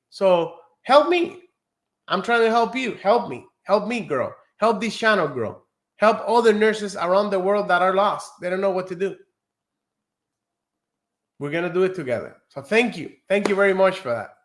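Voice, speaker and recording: This live online nursing exam session is taught by a Cuban man whose voice sits high with a fairly bright tone. Earnest and encouraging, he slows down whenever he wants to stress a key word.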